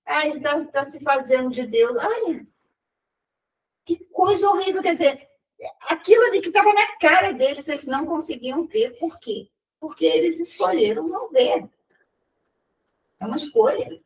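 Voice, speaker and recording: A woman shares a personal testimony with her church group. Her voice sits high, and she tells her story in an animated way, circling back and repeating phrases. The mic is set a little way off from her. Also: moderate pace, long pauses, far from the mic, a little hiss or hum, poor audio.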